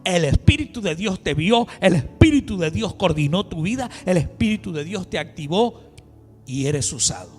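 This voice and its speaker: A high-pitched man preaches a passionate sermon in a church hall. His voice rings with a long reverb, and soft music sits underneath. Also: big pitch swings, normal speed. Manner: impassioned, swings between loud exhortation and hushed asides. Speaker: apostle preaching.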